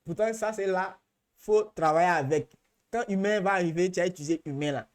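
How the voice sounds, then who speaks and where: A man's voice: high-pitched, a little fast. A man with an Ivorian French accent, chatty and slangy, running a live workshop question-and-answer session. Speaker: trainer.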